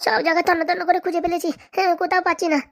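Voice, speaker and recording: A woman voicing cartoon characters in a comedy, with an excited, pleading manner. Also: very high voice, racing. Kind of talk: cartoon voice acting, several roles.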